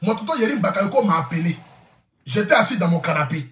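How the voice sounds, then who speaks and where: A man's voice: high-pitched, lively intonation, fast, fairly bright tone, reverberant. A man telling a comic vlog story, boisterous, laughing often and repeating his phrases. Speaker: social media influencer. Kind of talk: casual comic vlog monologue.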